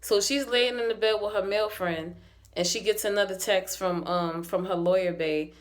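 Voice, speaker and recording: A young woman casually recapping a web series episode in slangy, animated talk, acting out the characters' lines. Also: mid-range voice, moderate pace. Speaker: YouTube episode reviewer.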